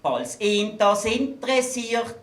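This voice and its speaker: High-voiced Basel man singing satirical rhymes. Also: big pitch swings, slow pace, a bit bright. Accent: Basel Swiss German. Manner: wry punchline delivery. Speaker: carnival satirical singer. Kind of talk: rhymed satirical verse performance. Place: event stage in a hangar. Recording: roomy hall echo.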